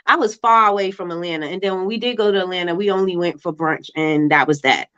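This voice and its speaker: A livestream host from Brooklyn, New York, with a Brooklyn accent runs a casual chat, reading out and answering comments in an informal, slangy way. Her voice is lowish, smooth, and fairly bright, and she talks fast. The livestream audio is dull and lo-fi.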